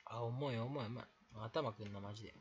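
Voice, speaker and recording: A man's voice: mid-range voice, fairly quick, highs cut off, a little hiss or hum. A man ranting bluntly and crudely in a late-night solo chat, talking alone to the mic in bursts. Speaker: aspiring game streamer.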